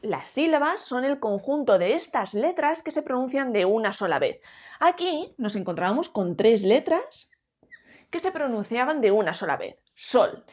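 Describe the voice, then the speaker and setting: A woman educator with a Spain Spanish accent leads a lesson, speaking slowly and clearly and sounding out each syllable. Her slightly high voice swings widely in pitch. The recording is a little dull and lo-fi. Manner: slow, clear teacher talk, spelling out syllables. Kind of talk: explaining a lesson to students.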